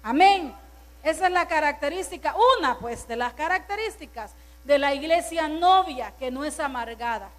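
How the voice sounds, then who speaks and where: Woman pastor, high voice, emphatic sermon, asides to the congregation. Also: animated, moderate pace, fairly bright tone. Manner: preaching with emphatic word lists and asides to the congregation.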